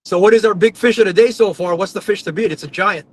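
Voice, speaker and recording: A man hosting a live fishing stream, calling in from a car over a choppy phone connection that keeps cutting out, relaxed and rambling. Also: high-pitched, fast, soft background music. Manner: relaxed, rambling, full of uhs. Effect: choppy cellphone connection that keeps cutting out. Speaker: tournament host calling in. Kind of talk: casual live-stream chat. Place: car driving through woods.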